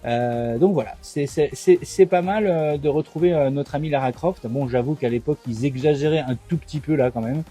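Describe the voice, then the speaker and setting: A man's voice: a little high, brisk, few pauses, dark tone, slightly rough, faint music behind. A man hosting a retro gaming video, talking casually to camera as he unboxes old games, chatty and hesitant with many fillers and restarts.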